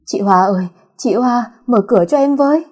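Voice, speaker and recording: A woman's voice: fairly high pitch, moderate pace, darkish tone, pitched above the performer's own voice, lightly acted. A woman voicing a terrified young woman who begs for help in frantic, stammering cries.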